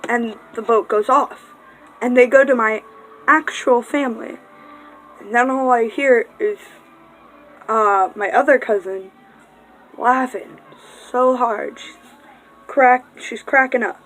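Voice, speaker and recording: A young woman with a slightly high voice tells a casual storytime for her vlog. She rambles, swears freely and breaks off for distracted asides, with faint music in the background. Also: fairly even intonation, slow pace, pauses often, fairly bright tone, poor audio. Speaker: vlogger.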